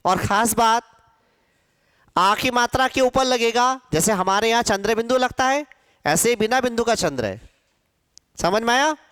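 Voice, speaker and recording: High-voiced man drilling Hindi pronunciation. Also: lively intonation, a bit bright, smooth, dry recording, clean studio sound. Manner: drills pronunciation slowly, stretching and repeating syllables; emphatic, scolding about common mistakes. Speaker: Hindi teacher. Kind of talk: classroom lecture for exam students.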